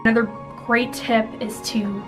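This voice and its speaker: A woman in her 20s, a vlogger at home in a small indoor room, offers interview tips while chatting casually to the camera in a rambling, giggly way. Her voice is fairly high with little pitch movement, and she speaks at a moderate pace over music.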